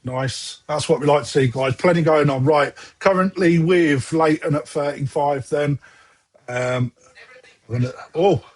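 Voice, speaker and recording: A man's voice: a little high, unhurried. A man hosting a casual online fish auction, chatty and a bit distracted as he juggles several windows. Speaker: online koi auction host. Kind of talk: casual livestream auction chat.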